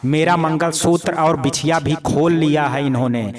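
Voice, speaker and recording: A man's voice: on the high side, normal speed, natural voice. A man voicing a young wife who is crying as she tells her parents what her in-laws did. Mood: distraught. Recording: crowd noise in background.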